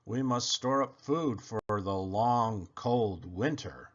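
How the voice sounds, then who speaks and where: A man voicing a nurturing mother bear in a storybook, talking in a slow, instructive way. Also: fairly low pitch, lo-fi sound. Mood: motherly, instructive. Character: nurturing mother bear, munching as she talks.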